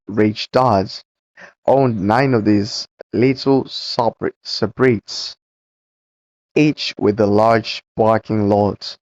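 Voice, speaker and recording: Guy reading a book out loud real slow, low voice, keeps tripping on words, dull muffled recording. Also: dry recording. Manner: slow, halting reading with stumbles and self-corrections. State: voice cracking. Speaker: book reader.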